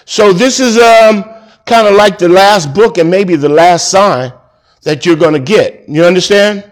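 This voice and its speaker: A man preaching as a pastor in a Bible study, talking slowly with many fillers and self-corrections. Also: high-pitched.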